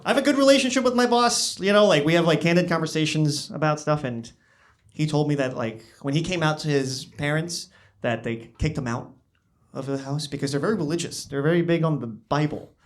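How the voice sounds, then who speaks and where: A man doing an animated, rambling stand-up comedy set in a club. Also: on the high side, a little fast. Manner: animated, rambling, self-interrupting.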